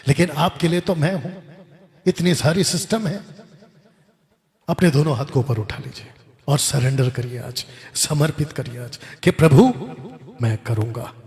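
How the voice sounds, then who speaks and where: A man's voice: a little high, moderate pace, long pauses, darkish tone. A middle-aged man preaching a fervent, exhorting sermon at a conference in a large hall. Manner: fervent, exhorting, repeats "come on". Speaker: pastor. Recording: long hall reverb.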